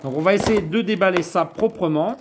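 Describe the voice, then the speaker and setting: A man's voice: high voice, fairly quick, noisy background. A man chatting casually as he unboxes a collectible figure, rambling with many fillers. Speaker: toy collector vlogger.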